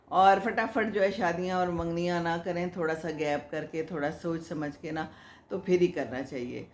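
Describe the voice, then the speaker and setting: An older woman chats her way through viewers' comments as host of an advice show, motherly and moralizing, with frequent laughs. Her voice sits a little low. The sound rings with the echo of the room around her. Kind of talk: casual advice talk. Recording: echoey room.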